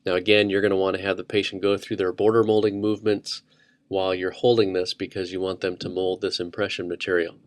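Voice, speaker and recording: A man's voice: low voice, fast talker. A man teaching a dental procedure in a methodical, step-by-step instructional voice-over. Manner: methodical, explanatory, steady step-by-step.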